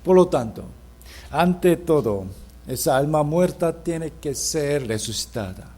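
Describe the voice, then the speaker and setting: A man's voice: a little high, expressive, takes it slowly, dark tone, husky. A man preaching at a Bible seminar in a church, asking rhetorical questions and leading the congregation in reading scripture aloud.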